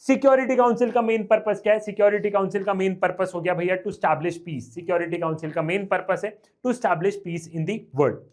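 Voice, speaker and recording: A young man teaching an exam revision lecture, lively and repetitive, often checking whether the class has understood. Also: sits high. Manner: reads English lines slowly, then explains quickly.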